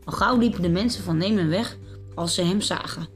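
A woman calmly and clearly reading children's Bible stories and picture books aloud. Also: on the low side, a little fast. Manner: calm, clear storybook reading. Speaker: storyteller. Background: faint music.

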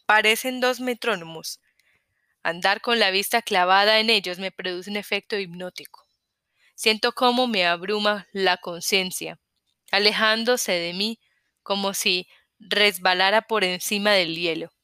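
A woman narrating a story in the first person in a measured, scripted audiobook reading. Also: medium pitch, pushed and bright, smooth, dry recording, studio quality.

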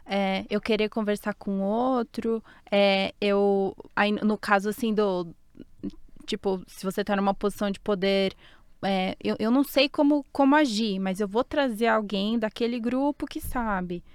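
A woman's voice: mid-range voice, unhurried, smooth, no room sound, clean studio sound. A woman in a casual discussion, speaking thoughtfully and hedging with fillers.

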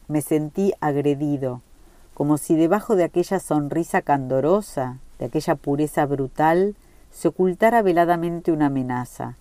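A woman reading a short story aloud in a measured, reflective way. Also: low-pitched, mellow, no room sound. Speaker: reader.

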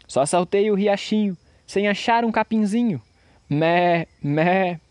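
A man's voice: high-pitched, slow pace, a little mellow, no echo, voice pushed up. A man voicing a greedy, lying nanny goat that bleats and speaks in sing-song rhymes. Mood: mocking.

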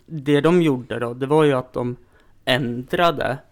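Man, half-Jämtland accent, host, casual relaxed chat, mid pitch. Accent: half Jämtland Swedish. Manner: relaxed, frequent back-channel murmurs.

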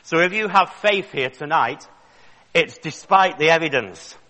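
A man in his fifties from the north of England delivers a joking, chatty public lecture as a creationist speaker in a large lecture hall. His voice sits on the high side and is expressive and unhurried with a sharp tone, and the recording carries the hall's long reverb.

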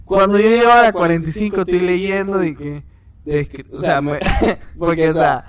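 A young man casually telling a story to friends on a podcast, animated and slangy, acting out his own past lines with nervous laughs. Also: sits high, normal speed.

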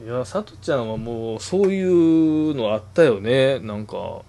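A teasing man in his forties with a Kansai accent, telling old stories to a friend. He acts out what people said, and his voice swings up and down with lively energy. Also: medium pitch, measured pace, gravelly. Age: 40s. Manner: teasing, animated storyteller acting out quotes, laughs easily. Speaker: podcast co-host. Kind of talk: casual late-night chat among old friends.

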